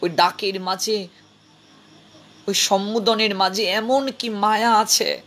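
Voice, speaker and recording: A man's voice: sits high, steady tone, slow pace, a bit bright. A male kirtan preacher telling a devotional story in an emotive, melodic, lingering way.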